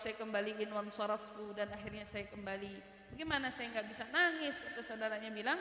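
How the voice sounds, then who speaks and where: A woman's voice: medium pitch, a bit bright. A woman preacher telling a story in a sermon, speaking mixed with Arabic phrases. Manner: retells a story with quoted voices, mixing in Arabic phrases and casual Jakarta slang. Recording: echoey hall.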